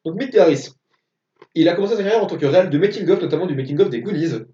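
A man with a slightly high, mellow voice talks fast and expressively as he co-hosts a casual film podcast, working methodically through facts and dates. The room is echoey and the mic sits far off, sounding dull.

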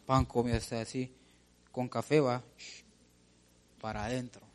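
A man preaching a sermon, asking rhetorical questions and calling out to his listeners as "brother", building to loud emphatic appeals. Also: mid-range voice, level tone, moderate pace. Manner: preaching, calls out "hermano" and builds to shouts. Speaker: pastor.

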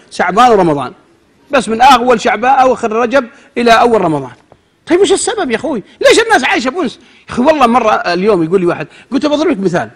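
A man giving a humorous, animated sermon, acting out little scenes and swinging between loud and soft. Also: extremely high pitch. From Saudi Arabia. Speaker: preacher.

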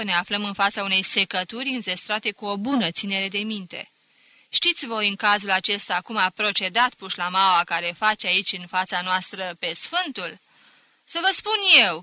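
A woman's voice: medium pitch, sharp tone. A woman doing a sneering old schoolteacher. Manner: sneering, sarcastic, with mocking chuckles. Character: scornful mocking older male schoolteacher.

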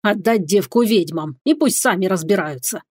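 A woman reading an audiobook, voicing a haughty male lord who talks in a slow, disdainful way. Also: medium pitch, lively intonation, breathy edge, no room sound, clean studio sound.

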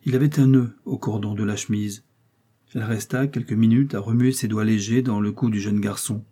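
A man reading a classic novel aloud as audiobook narration, steady and measured. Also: lowish voice, slightly rough. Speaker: audiobook reader.

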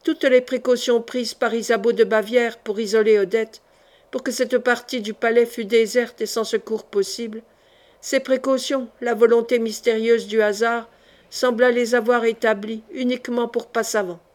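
Brief: female audiobook narrator, steady and dramatic, slightly high-pitched. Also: normal speed. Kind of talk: scripted narration of a historical novel.

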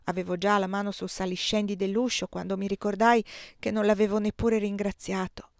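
A woman reading a novel aloud as an audiobook, narrating in the first person at a calm, measured pace. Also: medium pitch, no echo, clean studio sound. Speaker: audiobook reader.

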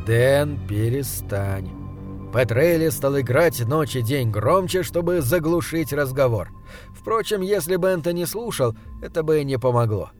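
A man reading a story aloud in a measured, even storytelling manner. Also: fairly high pitch, faint music behind. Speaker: audiobook narrator. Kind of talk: scripted narration.

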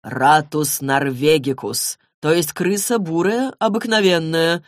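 A woman voicing a haughty male warlock who speaks slowly and condescendingly. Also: low-pitched, no room sound, clean studio sound. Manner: slow, drawling and condescending.

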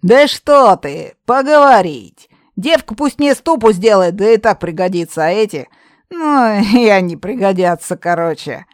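A woman's voice: medium pitch, animated, a little slow, dry recording, studio quality, lightly acted. A woman voicing a brash, mocking young red-haired witch in an audiobook. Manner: loud, cheeky, mocking.

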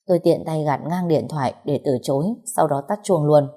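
A young woman narrating a first-person romance story in a calm, wry way. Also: low voice, fairly quick. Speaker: audiobook narrator.

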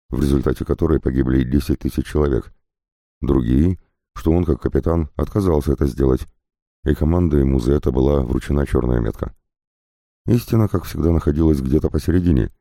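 A man narrating a science-fiction audiobook in a steady, even-paced reading. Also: a bass voice, creaky, no echo, studio quality. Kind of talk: scripted narration.

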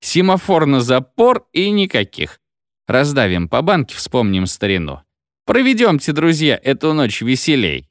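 A drunk, boisterous station chief, as a male reader puts him on, bellowing in a voice that leaps high and swoops wildly. He is quick to take offence. The recording is close and dry. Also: huge pitch swings, no echo. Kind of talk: audiobook character voice.

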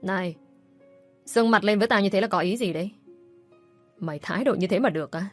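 A woman's voice: medium pitch, a little fast, faint music behind, close to an everyday voice. Woman voicing a scolding bitter mother-in-law. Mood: nagging. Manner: scolding, accusing. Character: bitter nagging middle-aged mother-in-law.

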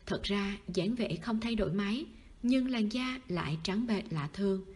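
A woman narrating a novel in steady storytelling fashion. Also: medium pitch, moderate pace. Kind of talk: audiobook narration.

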